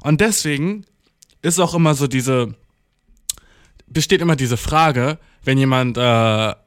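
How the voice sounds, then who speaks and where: A man's voice: mid-range voice, unhurried, clear, resonant tone, no echo, clean studio sound. A young man in a casual, rambling monologue, heavy with slang and English words, acting out the voices in his stories. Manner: acts out quoted dialogue while storytelling. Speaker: solo talker.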